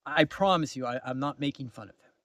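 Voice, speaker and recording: A man casually telling a long personal story to the camera, exasperated at times and dropping to low mutters. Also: quick pace, a bit bright, dry recording, studio quality. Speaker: vlogger.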